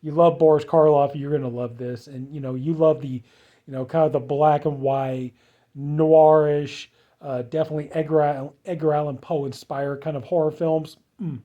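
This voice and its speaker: A man's voice: on the high side, steady tone, moderate pace, muffled recording. A man giving a casual spoken movie review, rambling with many fillers and restarts. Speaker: film reviewer.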